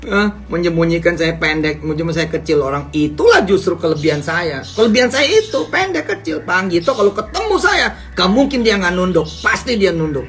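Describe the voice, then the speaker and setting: A middle-aged preacher with a nasal voice talks to his audience in a loose, joking way and keeps asking them questions. His voice sits fairly high for a man. Faint music plays underneath. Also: brisk, few pauses. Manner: lively, jokey, asks the audience questions. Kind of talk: casual Islamic teaching talk.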